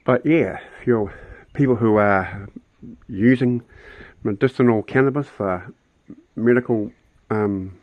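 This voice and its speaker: A man's voice: fairly low pitch, slow, long pauses, no echo, muffled recording. An older man, chatting blunt and rambling to camera outdoors on his rural property. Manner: rambling, blunt, with many restarts. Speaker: vlogger. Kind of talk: casual chat to camera.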